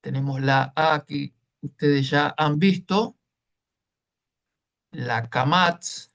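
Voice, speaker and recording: A man's voice: on the high side, slow, creaky, highs cut off. A man teaching a Hebrew class online, explaining patiently and checking in with listeners as he goes.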